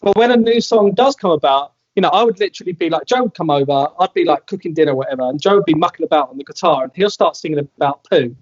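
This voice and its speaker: A man's voice: fairly high pitch, animated, quick pace, few pauses, muffled recording. A man, a band member chatting in an interview, with lots of "like" fillers. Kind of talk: casual video call interview.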